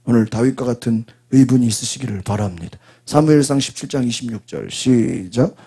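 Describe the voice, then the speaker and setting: A man preaching a sermon as pastor, prompting the congregation with quick questions and answering them himself. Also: mid-range voice, mellow, breathy edge. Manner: call-and-response preaching, frequent prompting asides.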